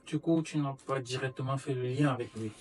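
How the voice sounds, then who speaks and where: Male interviewer, mid-pitched, terse follow-up questions. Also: brisk, crowd noise. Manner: brief, prompting, summarizing.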